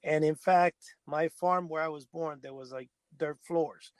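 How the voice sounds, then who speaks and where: A man's voice: on the high side, steady tone, a little slow, dry recording. A man from Cuba, co-hosting a podcast, telling a long story in a rambling way and often correcting himself. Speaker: podcast co-host. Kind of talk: casual storytelling chat.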